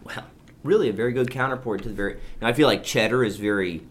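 A man's voice: fairly low pitch, fast. A man co-hosting a podcast, chatting casually and laughing easily as he muses aloud while eating. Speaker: podcast co-host. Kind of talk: casual chat.

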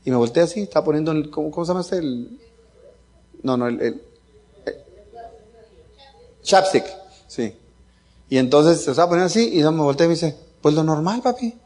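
A man's voice: a little high, moderate pace, long pauses, darkish tone. A middle-aged man with a Mexican accent telling a casual family anecdote, joking and chuckling as he goes. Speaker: father telling a story.

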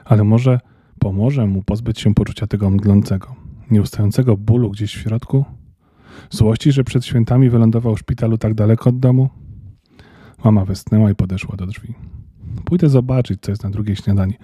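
A man reading a children's story aloud, calm and even. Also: fairly low pitch, moderate pace, breathy edge, no room sound, studio quality. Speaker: narrator.

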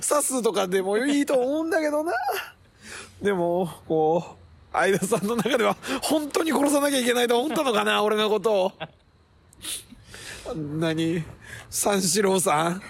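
A comedian chatting casually with a friend, roughly and loosely, often acting out other people's lines in a loud, high voice. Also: male voice, expressive, normal speed. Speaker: comedian podcast host. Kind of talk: casual chat recorded outdoors. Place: city park at night.

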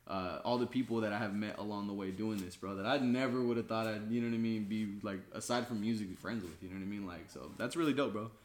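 Fast-talking laid-back man, low voice. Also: echoey room. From Mexico. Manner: laid-back slangy talk with many fillers. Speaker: musician guest. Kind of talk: casual conversation.

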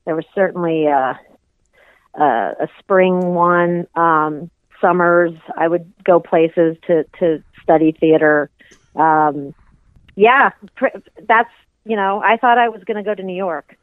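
Over a tinny phone line, a woman musician chats as an interview guest, thoughtful and hesitant, with many restarts. Her voice sits on the low side and moves slowly, and the recording is dry.

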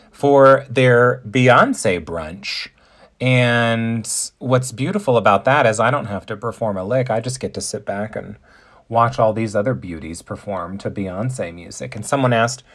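A man in his forties hosting a podcast, chatting in a bubbly, campy way with playful pet names from his makeup table. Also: medium pitch. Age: 40s. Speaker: podcast host. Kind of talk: casual monologue.

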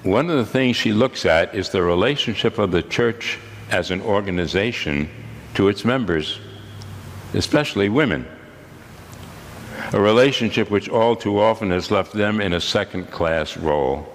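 A man in his eighties, a priest, delivering a sermon in a measured, solemn way with deliberate pauses. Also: lowish voice, lively intonation, big-room sound, slight background noise. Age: 80s.

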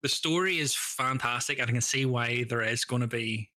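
A man's voice: mid-range voice, normal speed, sharp tone, no echo. A man hosting a casual banter podcast, chatty and laughing often, swearing freely. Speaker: podcast host.

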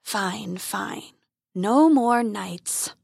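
A woman voicing a huge, grumpy male dragon in a storybook, booming and drawing out his lines. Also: gravelly, a little mellow, breathy edge, no room sound, studio quality, heavily acted. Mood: sulky. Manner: booming, drawn-out slow lines.

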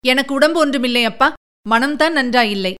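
A woman voicing a spirited, sharp-tongued young princess who argues quickly and indignantly. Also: sits high. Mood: troubled.

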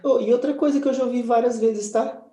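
Homem brasileiro animado, som de sala ecoante. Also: male voice, very high-pitched, quick pace, echoey room, rough recording. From Brazil. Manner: enthusiastic, animated, says "cara" a lot. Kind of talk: casual chat.

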